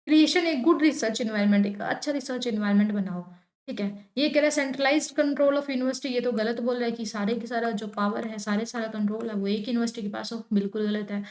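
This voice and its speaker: A woman's voice: fairly high pitch, a little fast. A young woman teaching exam questions, stressing key words with a tone that rises and falls. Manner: expressive, stresses words with rising and falling tone. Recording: echoey room.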